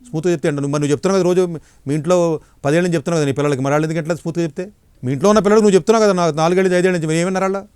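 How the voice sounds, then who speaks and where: Middle-aged guy talking super fast and blunt, kinda high voice, dry close sound. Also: fairly even intonation, smooth, no room sound. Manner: blunt, forceful, lecturing. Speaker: education counselor. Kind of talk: interview answer.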